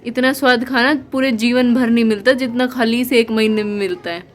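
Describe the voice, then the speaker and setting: A woman's voice: fairly high pitch, steady tone, a little fast. A young woman chatting casually in a family vlog, teasing and laughing often as she films around her home. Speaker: vlogger.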